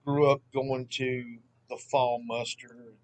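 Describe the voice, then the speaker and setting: A Mississippi man in his thirties with a Southern accent sits at home hosting a history channel, speaking slowly in a mid-range voice. His casual vlog chat is relaxed and rambling, with some self-deprecating humor.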